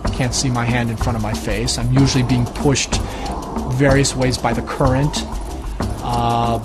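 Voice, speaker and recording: A man, an escape artist, explaining his underwater escapes in a measured, matter-of-fact documentary interview. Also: mid-range voice.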